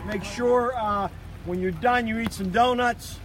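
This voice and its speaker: High-voiced joking man announcing over outdoor noise. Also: a little slow, fairly bright tone. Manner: joking, folksy. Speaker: event organizer and announcer. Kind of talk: informal outdoor event announcing. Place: outdoors by a river at a charity event. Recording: noisy outdoor live stream.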